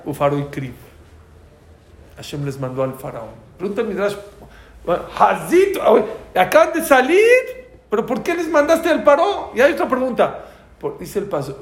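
Man teaching a class in an echoey room. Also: a little high. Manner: storytelling, asks the class questions, Hebrew terms. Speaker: religious teacher. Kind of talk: storytelling class lecture.

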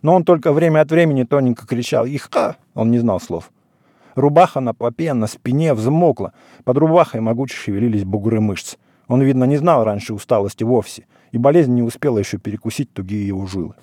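A man narrating a literary short story in a measured, expressive way. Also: medium pitch, husky, no room sound, clean studio sound.

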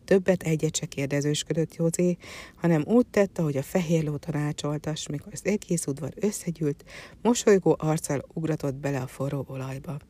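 A storyteller reading a folk tale aloud in a calm, even manner. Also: mid-range voice.

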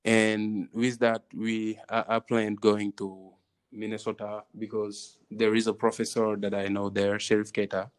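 A man's voice: fairly low pitch, flat delivery, measured pace. A man from Senegal with a Senegalese accent answers interview questions conversationally, hesitating and repeating phrases as he goes. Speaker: interviewee, tourism venture co-founder.

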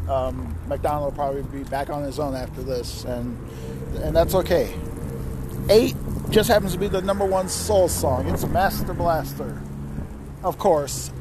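A man's voice: a little high, noisy background. A man hosting a music top ten countdown in a casual, rambling way, with frequent asides. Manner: chatty, rambling, self-interrupting asides. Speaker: music countdown show host.

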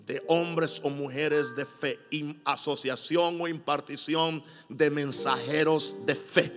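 A fairly high-voiced man with a Puerto Rican accent preaching a sermon, swinging into loud emphatic bursts and light joking asides. His voice rings with a long hall reverb in a church, and soft music plays faintly underneath. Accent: Puerto Rican Spanish. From Puerto Rico.

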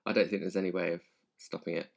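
A man's voice: deep voice, flat delivery, fast, creaky. A man co-hosting a podcast in casual chat, upbeat and presenter-like, often drawing out his phrases. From England. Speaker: podcast co-host.

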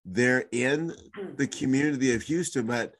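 A man's voice: medium pitch, unhurried. A man hosting a podcast, politely asking his guest guiding questions. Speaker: podcast host. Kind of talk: interviewing.

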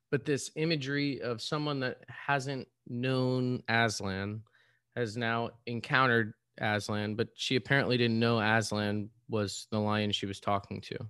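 A pastor talks through a story in a relaxed, conversational way, sometimes pausing on fillers and side comments. His voice sits on the low side. The recording is dry and close. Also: no echo. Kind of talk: casual story retelling and reading.

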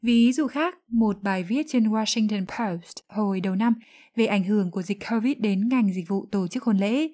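A woman whose first language is Vietnamese, explaining English phrases in a lesson with calm, careful pronunciation. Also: medium pitch, normal speed. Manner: calm, clear, careful enunciation of English examples. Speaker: English teacher.

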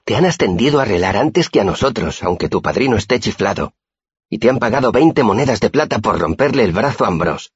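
An excitable, blunt young student who exclaims hotly, as a man puts him on. His voice sits higher than the narrator's and keeps its husky grain. The recording is dull and dry. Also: normal speed, dry recording. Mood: heated. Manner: heated, exclaiming. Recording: dull, muffled audiobook recording.

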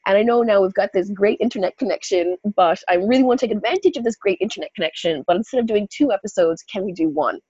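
A woman co-hosting a podcast in casual chat, animated and laughing often. She is sick, and she clears her throat and coughs now and then. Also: mid-range voice, quick pace, hardly any pauses, dry recording, dull audio. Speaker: podcast co-host.

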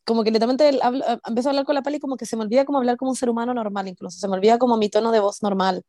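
A young Chilean woman talks very quickly in a high voice. She hosts a casual podcast chat, full of blunt slang and switches between Spanish and English. The sound is dry and close. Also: fairly even intonation, dark tone, no room sound. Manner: blunt, frequent swearing. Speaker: podcast host.

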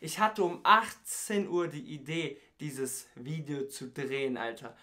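Running on no sleep, a young male YouTuber talks loosely to his vlog audience, stuttering, leaning on youth slang and slipping into rap parodies. He speaks at a measured pace in a fairly high, bright voice with a forceful tone.

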